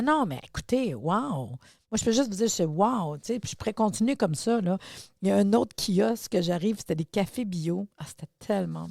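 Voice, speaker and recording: Excitable Québécois woman, dark warm voice. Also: fairly low pitch, dry recording, clean studio sound. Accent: Québécois French. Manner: enthusiastic, chatty, exclamatory. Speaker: podcast host. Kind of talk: casual storytelling monologue.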